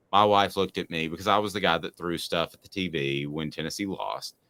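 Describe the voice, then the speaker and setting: A sports radio host in his forties rambles through self-mocking stories on his talk show in a relaxed way. His low voice has a sharp yet smooth tone, and the recording is dry.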